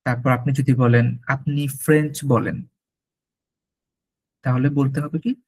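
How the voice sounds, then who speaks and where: A man's voice: mid-range voice, fairly even intonation, unhurried, darkish tone, breathy edge, low-quality recording. A man tutoring French one-on-one, mixing in English words and spelling words out letter by letter. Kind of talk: one-on-one language lesson.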